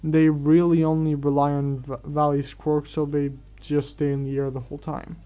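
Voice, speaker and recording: A man's voice: a little high, monotone, moderate pace, warm tone. A man narrating a fan-written story aloud, often stumbling and correcting himself mid-sentence. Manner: stumbling restarts and self-corrections. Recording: dull lo-fi recording.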